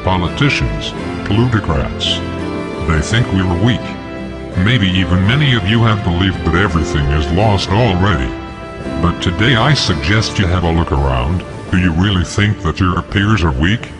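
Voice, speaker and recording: Man in a disguised deep voice. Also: lively intonation, normal speed. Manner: defiant, declaiming. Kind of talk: scripted manifesto address. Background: music.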